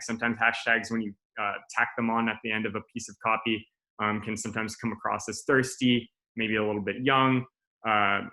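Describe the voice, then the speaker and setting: A man's voice: lowish voice, gravelly. A man in his thirties giving a casual class talk, loose and profane, full of fillers and restarts. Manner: relaxed, swearing, many fillers and restarts. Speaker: strategy director presenting a class. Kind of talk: casual presentation over video call.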